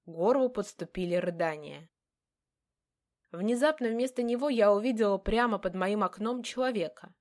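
A woman narrating a first-person fantasy novel in a measured, expressive reading voice. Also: medium pitch. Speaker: audiobook narrator.

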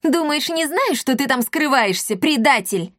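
A woman's voice: extremely high pitch, expressive, measured pace, no room sound, studio quality, pitched above the performer's own voice. Woman doing a fierce brash orphan girl. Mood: fierce, taunting. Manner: loud, threatening shouts.

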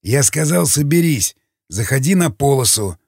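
A man's voice: mid-range voice, animated, moderate pace, darkish tone, breathy edge, no room sound, studio quality. A man voicing a stern, blunt man who speaks firmly and matter-of-factly, read in an audiobook. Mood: stern urging. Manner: firm, matter-of-fact. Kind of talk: audiobook character voice.

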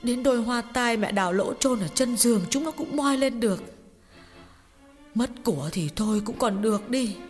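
A grieving mother in an audiobook drama tells a painful family story, her voice somewhat high and halting as words repeat through her tears, performed by a woman. The recording has a long, echoing reverb with music playing softly behind her. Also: close to an everyday voice. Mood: anguished. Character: grieving middle-aged mother recounting a family tragedy.

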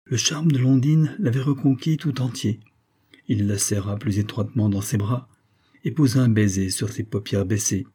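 A man reading a French novel aloud as the narrator, in a measured storytelling manner. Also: on the low side, mellow, husky. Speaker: audiobook reader. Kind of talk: literary narration.

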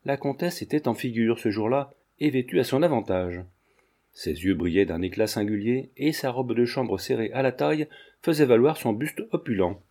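A man narrating a classic novel in a steady, measured way. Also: medium pitch. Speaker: audiobook reader.

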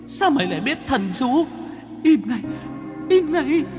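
A man voicing a vengeful female ghost bride who shrieks murderous threats in a shrill voice. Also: sing-song, measured pace, big-room sound, over music, exaggerated voice. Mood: shrieking fury. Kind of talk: ghost story voice acting.

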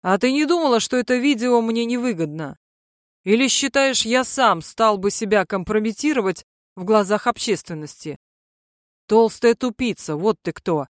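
A woman voicing a cocky, insulting young billionaire man who taunts in a slow, sneering way. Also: mid-range voice, expressive, no echo, clean studio sound. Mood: furious.

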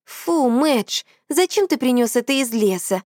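A woman doing a high gushing girl Tanyusik. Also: expressive, measured pace, darkish tone, no room sound, clean studio sound. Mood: squeamish. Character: excitable young woman friend Tanyusik.

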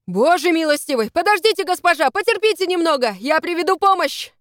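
A woman's voice: extremely high pitch, animated, brisk, no echo, studio quality, voice pushed up. A woman voicing a plain, kind man who calls out reassuringly to someone below, in an audiobook. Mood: urgent. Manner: calling out loudly.

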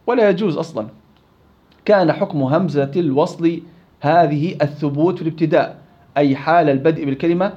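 Male teacher, fairly high, mellow voice, lecturing and quizzing a class; muffled lo-fi recording. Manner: explains rules, then quizzes students. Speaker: Quran recitation teacher.

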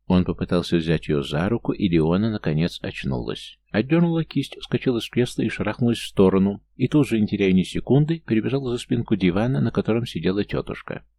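Deep gravelly male narrator. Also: lively intonation, quick pace, few pauses, mellow, no room sound. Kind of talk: audiobook narration.

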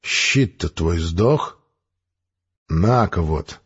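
Brief: gruff, dry-humoured soldier officer, read by a male narrator, husky and lowish, muffled audiobook sound. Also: lively intonation, extremely slow, exaggerated voice. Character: gruff dryly joking male space major.

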